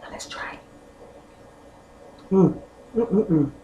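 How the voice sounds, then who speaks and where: A woman's voice: lowish voice, lively intonation, slow pace, warm tone. A woman hosting a home cooking vlog, chatting straight to her viewers and humming as she tastes her food. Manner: chatty, talks straight to viewers, hums while tasting. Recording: echoey room with faint ambience.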